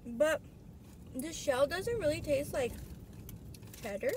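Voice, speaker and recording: A high-pitched woman speaks with her mouth full, talking while chewing as she tastes food in a casual vlog. She sounds chatty and keen. Steady noise from outdoors sits behind her. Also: takes it slowly. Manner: chatty, enthusiastic food tasting. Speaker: food vlogger. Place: outdoors in the sun. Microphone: tablet camera.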